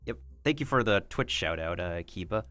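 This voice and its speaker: A man's voice: low voice, lively intonation, moderate pace, a bit bright, no room sound, soft background music. A man hosting a livestream, chatting casually in a rambling way peppered with filler words. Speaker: streamer and host.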